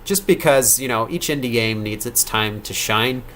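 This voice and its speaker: A man's voice: mid-range voice, normal speed, sharp tone, a little hiss or hum. A man in his thirties, a game developer on a casual live-stream Q&A, answering viewer questions late at night, rambling and correcting himself as he goes. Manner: rambling, self-correcting, reads donor questions aloud.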